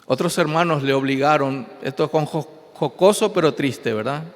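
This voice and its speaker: A man's voice: a little high, normal speed. A pastor preaching an emphatic sermon, his voice rising and falling. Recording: long hall reverb.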